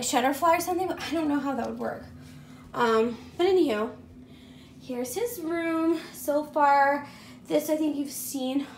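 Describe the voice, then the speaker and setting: Here a woman's high voice comes through slight background noise as she walks around indoors, showing off her home in a casual vlog. Pregnant and at times breathless, she rambles along with frequent ums and likes.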